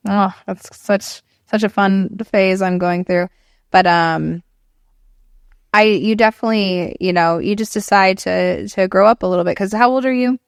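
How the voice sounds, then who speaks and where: A woman in her thirties talking in a relaxed podcast conversation, reflective and laughing easily, with plenty of fillers. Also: mid-range voice, moderate pace, creaky, clear, resonant tone, dry recording, studio quality. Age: 30s. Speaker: podcast guest.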